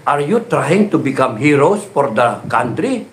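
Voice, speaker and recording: A man's voice: medium pitch, very animated, measured pace. A middle-aged man, delivering an impassioned political rant full of mocking rhetorical questions and swearing. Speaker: political speaker.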